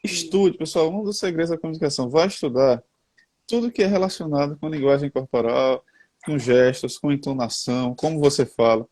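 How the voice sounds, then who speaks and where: Man, Brazilian accent, slightly high voice, dry sound, casual talk. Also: a little fast, darkish tone, dry recording. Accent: Brazilian Portuguese. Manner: talkative, folksy, addresses the audience as "gente" and "cara". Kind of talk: casual conversation on communication. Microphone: headphones.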